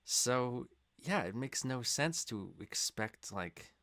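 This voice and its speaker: A young man hosting a reaction video, talking in a rambling, filler-heavy way that swings into loud, impassioned rants. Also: medium pitch, animated, takes it slowly. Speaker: reaction channel host. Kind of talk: casual reaction commentary.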